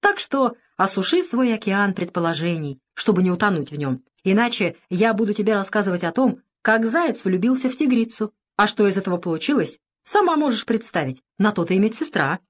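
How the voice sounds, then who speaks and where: A woman's voice: medium pitch, expressive, fairly quick, hardly any pauses, natural voice. A woman voicing a cheerful, joking wounded male lieutenant in a storybook reading. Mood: jovial. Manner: jovial, joking.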